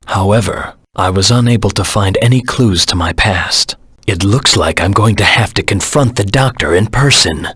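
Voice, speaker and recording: A man voicing a brooding, cold hedgehog antihero in a video game, speaking in a husky voice with a grim, terse, deliberate delivery. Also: a bit bright, dry recording, exaggerated voice. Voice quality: husky, gravelly low voice. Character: brooding, cold male anthropomorphic hedgehog antihero searching for his past. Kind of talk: video game character lines, scripted monologue.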